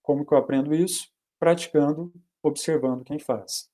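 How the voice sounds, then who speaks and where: A man from Brazil lecturing by video call on public speaking, asking and answering his own questions, often dropping his voice to quiet asides and filling pauses with "né". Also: fairly high pitch, steady tone. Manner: varies loudness, often drops to quiet asides; frequent fillers like "né" and "é". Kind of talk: online talk by video call.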